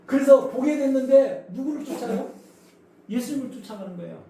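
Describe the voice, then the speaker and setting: High-voiced male pastor in echoey hall. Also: a little fast. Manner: animated storytelling, acts out voices; asks the congregation questions. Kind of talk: sermon. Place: church sanctuary. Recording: echoey church hall from far off, faint noise.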